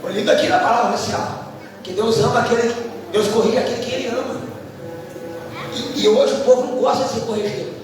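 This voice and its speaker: A fervent male preacher from Brazil, his voice pitched very high and climbing into shouts. He sounds far from the mic, inside a long, ringing hall, with music playing clearly underneath. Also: fairly even intonation, quick pace, pauses often. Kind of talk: sermon. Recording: echoey hall, distant mic, music behind.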